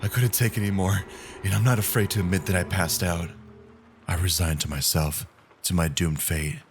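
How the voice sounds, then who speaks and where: A man narrating a horror story in a measured, grim, scripted style. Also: deep voice, steady tone, background noise.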